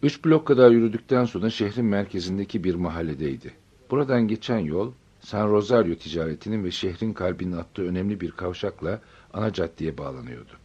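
Man, story narrator, deep voice, husky, measured pace. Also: expressive, mellow, lo-fi sound. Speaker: audiobook narrator.

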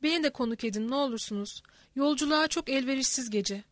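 Woman voicing a scheming male nobleman, smooth and menacing; high voice, dry close mic. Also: quick pace, no echo, natural voice.

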